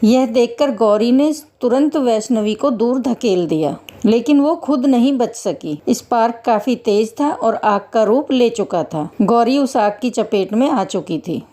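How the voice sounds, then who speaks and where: A woman narrating a devotional story in a measured, dramatic manner. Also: on the high side, animated, mellow.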